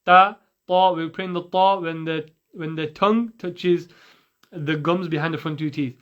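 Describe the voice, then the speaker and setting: A man with a high, smooth and resonant voice gives a recitation lesson, slowly repeating each sound so learners can copy it. His teaching is patient and methodical. The recording sounds slightly muffled and lo-fi. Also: steady tone, fairly bright tone. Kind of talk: pronunciation lesson.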